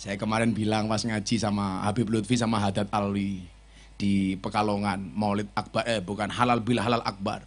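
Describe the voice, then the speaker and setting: A man's voice: on the low side, flat delivery, normal speed. A man in his forties with a Javanese accent, giving a joking sermon to a crowd and teasing the people in front of him. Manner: joking, switching between Indonesian and Javanese, teasing the audience. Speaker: preacher. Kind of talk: comic sermon to a live crowd.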